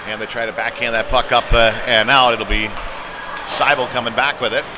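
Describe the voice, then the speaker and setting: Brisk and medium-pitched, a former goaltender narrates a hockey game live. His conversational tone jumps to excited calls when big plays come, and clear arena noise fills the background.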